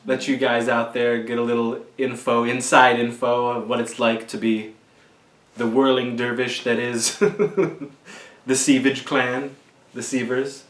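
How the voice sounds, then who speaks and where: A man in his forties hosting a casual video chat in a jokey, halting manner. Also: medium pitch, level tone, a bit bright. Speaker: video host. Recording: echoey room.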